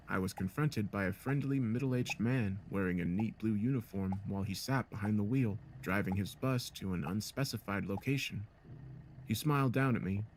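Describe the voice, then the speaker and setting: A man reading a first-person horror story as narrator in a steady, measured way. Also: fairly low pitch, a little hiss or hum. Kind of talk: scripted narration.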